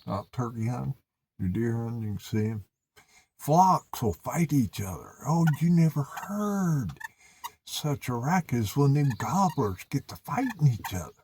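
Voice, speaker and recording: A man with an Appalachian accent telling hunting stories casually, in a folksy, drawn-out country way. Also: medium pitch, darkish tone, slight background noise. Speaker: turkey hunter presenting his own video. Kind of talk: casual storytelling.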